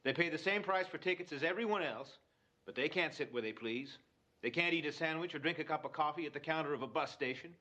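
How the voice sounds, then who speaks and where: Civil rights adviser, forceful and lecturing, muffled recording. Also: male voice, a little high, fast. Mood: urgent. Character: male civil rights adviser, blunt and morally urgent.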